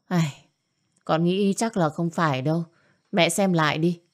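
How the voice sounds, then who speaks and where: A woman's voice: fairly low pitch, unhurried, lightly acted. A woman voicing a meek grown son who placates his mother hesitantly. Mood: placating.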